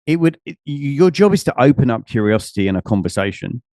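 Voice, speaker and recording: A middle-aged man speaking as a business coach on a podcast. He talks with great enthusiasm, his pitch jumping when he mimics other people, and his mid-pitched voice sounds dry and close to the mic. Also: quick pace, no room sound. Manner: enthusiastic, animated, acts out quoted people with big pitch jumps. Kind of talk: energetic conversational interview.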